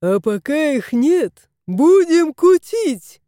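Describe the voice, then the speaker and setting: A woman voicing a lazy, smug, spoiled male house cat in a storybook, drawling slowly. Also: a little high, sing-song, mellow, no echo, clean studio sound.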